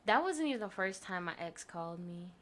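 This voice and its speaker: A woman's voice: mid-range voice, brisk. A young woman as a podcast guest, chatting casually, laughing often and telling heated stories with plenty of swearing. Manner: expressive, laughs often, profane storytelling. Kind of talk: casual chat.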